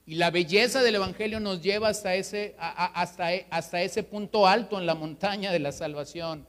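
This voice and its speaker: Speaking at a normal speed, this pastor from Mexico gives a forceful sermon in a high, bright voice. He hammers his points with rhetorical questions, his voice carrying a long church-hall reverb.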